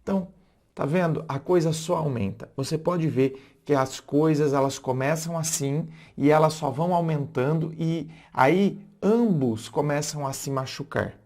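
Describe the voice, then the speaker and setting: A man's voice: on the high side, measured pace, hardly any pauses, a little mellow. A Brazilian man, a philosopher, talking casually about relationships, reflective and rephrasing himself often with fillers and restarts. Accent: Brazilian Portuguese. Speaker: philosopher giving relationship advice. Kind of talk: casual spoken lesson to camera.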